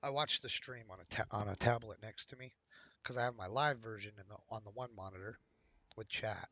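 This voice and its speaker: A man streaming a card game live, muttering casual commentary to himself as he plays, with a sore, squeaky throat. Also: fairly quick, a bit bright, no echo.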